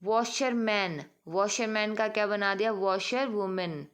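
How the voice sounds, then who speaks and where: A woman's voice: medium pitch, slow, clean tone. A woman teacher giving an online English grammar lesson, mixing Hindi and English and checking in with her students with repeated questions. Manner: mixes Hindi and English, calls students "beta".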